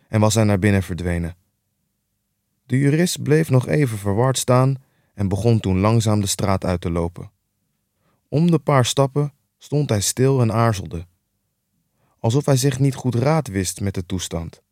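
A man reading a literary excerpt aloud in a calm, even storytelling manner. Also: on the low side, moderate pace, no echo, studio quality.

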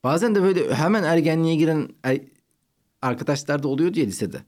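A man's voice: a little high, animated, fast, a little mellow. A man hosting a podcast, chatting casually and teasing his guest with frequent laughter. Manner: playful, teasing, laughs often. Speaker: podcast host. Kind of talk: casual chat.

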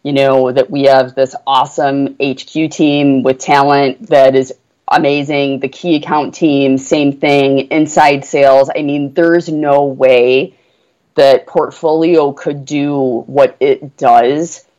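A woman's voice: extremely low pitch, fairly even intonation, takes it slowly, darkish tone, muffled recording. A woman speaking as a podcast guest about her work, earnest and enthusiastic, with frequent fillers. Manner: earnest, enthusiastic, many "you know" fillers. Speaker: guest, portfolio manager. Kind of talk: business podcast conversation.

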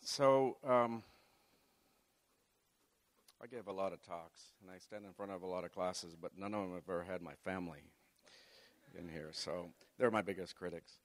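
Pausing often, a middle-aged man raised in Chile speaks in a low voice at normal speed. As a guest speaker, he gives a folksy, faith-based talk to students in a large hall, leading them through an exercise, and the recording carries long hall reverb.

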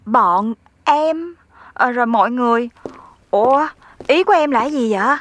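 A woman's voice: fairly high pitch, expressive, moderate pace, fairly bright tone. A young woman plays a dramatic tenant who slips English phrases into her speech. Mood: dejected.

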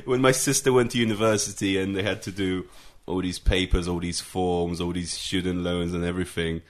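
Low-voiced blunt man, casual chat. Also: little pitch movement, brisk. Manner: blunt, swears freely, laughs while telling stories.

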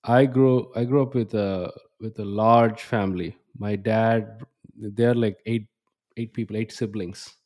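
A man's voice: on the low side, steady tone, measured pace, a little mellow. A man in his thirties hosting a podcast, talking in a reflective, rambling way with restarts. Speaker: podcast host. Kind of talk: casual interview chat.

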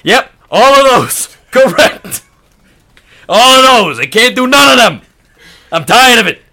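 An actor plays an irritable male customer with a forceful, sharp voice. His pitch swings widely as he complains with entitled sarcasm. It suits a comedy phone sketch. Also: sing-song, measured pace. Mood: fed up. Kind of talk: acted comedy phone call.

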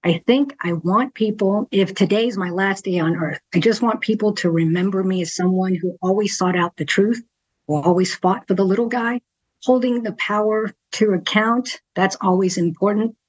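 Poor audio carries a mid-range female voice at a moderate pace. A middle-aged news anchor from Texas talks frankly on a podcast in an easygoing interview, laughing often and punctuating her points with "right?"

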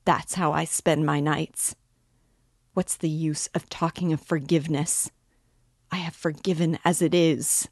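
A woman's voice: low-pitched, steady tone, unhurried, no echo, clean studio sound. A woman voicing a desperate, consumptive poor wife who speaks in bitter, frantic outbursts.

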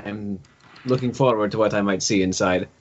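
A man role-playing a calm, noble and determined adventurer in a tabletop game, speaking in a composed, formal, measured way. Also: fairly low pitch, dull audio, a little hiss or hum, voice pushed down, lightly acted. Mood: calm resolve. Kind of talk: in-character tabletop role-play.

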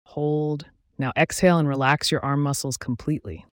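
Calm male meditation guide, dry recording. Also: fairly high pitch, dry recording. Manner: calm, soothing, measured instructions with pauses. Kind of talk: guided relaxation meditation narration.

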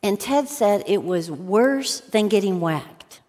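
A woman's voice: medium pitch, animated, takes it slowly, a little mellow. A woman teaching a Bible lesson in a large hall, earnest and storytelling, sometimes acting out quotes. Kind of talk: sermon talk with personal stories. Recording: long hall reverb.

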